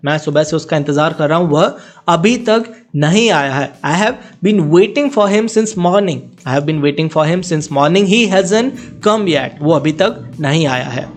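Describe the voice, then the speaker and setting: A man teaching English as a language lesson, saying each sentence twice in a slow, deliberate way. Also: sits high.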